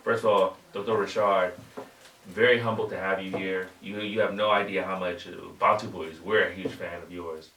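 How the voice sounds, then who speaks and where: A man's voice: sits low, steady tone, normal speed, pushed and bright. A man hosting a podcast, chatty and enthusiastic, often affirming his guest. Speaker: podcast host. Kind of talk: casual interview. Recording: roomy, distant mic, faint noise.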